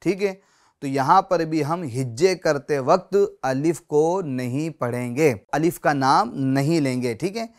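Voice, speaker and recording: A man teaching Quran reading in a spoken lesson. He repeats each example slowly and patiently, speaks straight to the viewers and asks them to read along, and often says "theek hai" between points. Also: on the high side.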